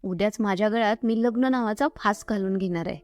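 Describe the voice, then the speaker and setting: A woman voicing a young man who sounds despairing and pleads softly. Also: medium pitch, fast, dry recording, lightly acted.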